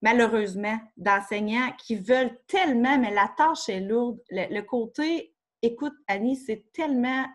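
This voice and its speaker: A woman's voice: fairly high pitch, unhurried. Québécois woman explaining children's yoga. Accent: Québécois French. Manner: explains step by step, casual fillers, spirited. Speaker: children's yoga educator in schools. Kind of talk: explanatory podcast chat. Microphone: studio microphone.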